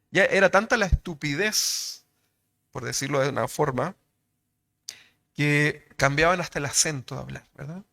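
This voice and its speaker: Bright-voiced Chilean man preaching. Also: on the high side, a little slow, gravelly, long pauses. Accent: Chilean Spanish. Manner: conversational, tags nearly every phrase with a rhetorical question. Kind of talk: sermon.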